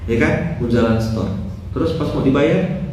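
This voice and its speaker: Preacher in an echoey hall. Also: male voice, mid-range voice, moderate pace. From West Kalimantan, Indonesia. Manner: lively, joking, asks the crowd rhetorical questions. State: recovering from mouth ulcers, speaking slowly. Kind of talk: dawn sermon. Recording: roomy, distant mic, faint background noise.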